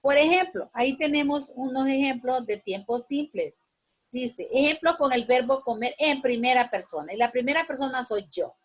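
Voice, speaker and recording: A woman's voice: high voice, moderate pace, poor audio. A woman teaching a sixth-grade lesson, patiently repeating each point and giving instructions to students. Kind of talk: classroom lesson.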